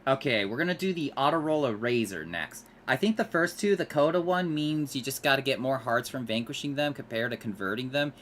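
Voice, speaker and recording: A gamer chats casually through a play session and mutters asides while working on the game. The voice is bright and lively in pitch. Faint keyboard typing sits in the background. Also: brisk, hardly any pauses, slight background noise. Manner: chatty, mutters to self while playing. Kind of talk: casual gameplay commentary.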